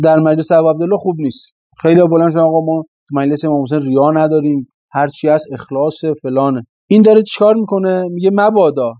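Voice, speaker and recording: A man's voice: fairly high pitch, dark tone, no echo. A man giving a religious sermon, stressing points with rhetorical questions and repeated phrases. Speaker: preacher. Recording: slightly dull, dry lo-fi recording.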